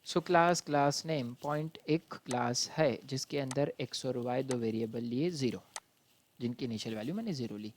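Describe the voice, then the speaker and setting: A male college lecturer from India walks his students through a programming lesson step by step. He is patient and fatherly, calling them "beta", and slows right down whenever he reads out a question. His pitch sits in an ordinary middle range. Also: slight background noise. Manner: reads exam questions out slowly.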